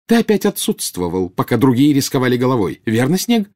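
A man's voice: mid-range voice, sing-song, brisk, a little mellow, breathy edge, pitched above the performer's own voice. A man voicing a furious, jealous witch in an audiobook, bursting out in scornful, indignant retorts.

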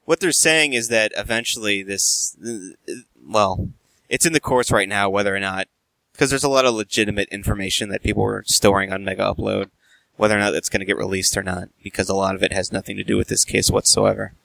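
A man talking on a casual podcast, blunt and wry, cursing now and then. His voice sits low with a gravelly fry, and the sound is close and dry. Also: fairly quick, a bit bright, no echo. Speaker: podcast co-host. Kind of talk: casual chat.

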